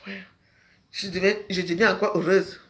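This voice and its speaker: A woman's voice: mid-range voice, steady tone, normal speed, fairly bright tone. A woman speaking emotionally in a street interview, with exclamations and repeated phrases, sometimes close to tears.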